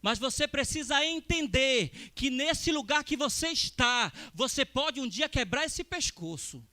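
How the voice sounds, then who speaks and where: A man preaching a sermon as a missionary, speaking emphatically and rising to forceful exclamations. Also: extremely high pitch, animated, measured pace.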